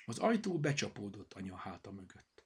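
A man reading a children's story aloud, expressive, switching into character voices. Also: on the low side, slight background noise. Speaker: storybook narrator.

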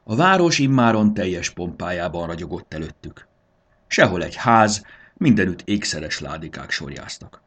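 A man narrating a storybook in an expressive, sing-song telling. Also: sits low.

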